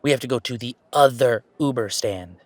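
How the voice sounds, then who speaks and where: Here a man plays a fond, nervous young gamer who puts himself down and keeps his guard up around family, rambling hesitantly in a chatty audio roleplay. He speaks at medium pitch and a moderate pace in a natural voice, with no room sound.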